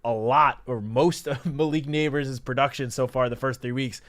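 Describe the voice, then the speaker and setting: A man's voice: medium pitch, fairly even intonation, moderate pace, fairly bright tone. A man co-hosting a sports show in casual, conversational football discussion.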